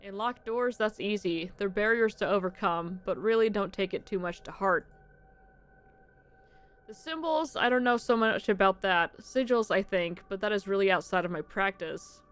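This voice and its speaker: A woman's voice: medium pitch, moderate pace, fairly bright tone, clear, resonant tone, natural voice. A woman voicing a theatrical female spirit medium and tarot reader in a grand, mystical manner. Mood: reassuring. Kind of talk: voicing game characters on a live stream.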